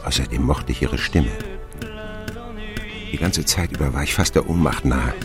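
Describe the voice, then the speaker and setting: A very deep voice at a moderate pace carries this radio play narration, spoken over music. The actor plays a middle-aged man recalling his boyhood, and his scripted first-person telling is wry, expressive and full of reminiscence.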